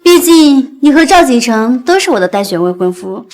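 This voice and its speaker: A spoiled young heiress, haughty and demanding. Her voice sits very high and swings widely in pitch, in a drama series. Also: sing-song, normal speed, darkish tone. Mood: coaxing.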